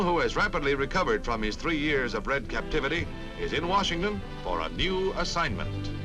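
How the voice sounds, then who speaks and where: A man's voice: a little high, poor audio. Man narrating an old newsreel. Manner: dramatic, declamatory delivery with wry quips. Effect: old newsreel sound. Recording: old newsreel film soundtrack with music bed. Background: music.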